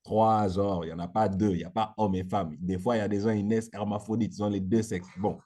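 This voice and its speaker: Low mellow guy hosting a chat, slangy, lots of restarts. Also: steady tone, fast. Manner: hesitant, many fillers and restarts, slangy. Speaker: host. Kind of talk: casual debate chat.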